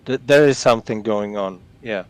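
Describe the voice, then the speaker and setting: A Swedish man with a lowish voice talks at normal speed in casual voice chat. He's a fellow flight-sim pilot on the stream call, friendly and easygoing, sprinkling in many small fillers.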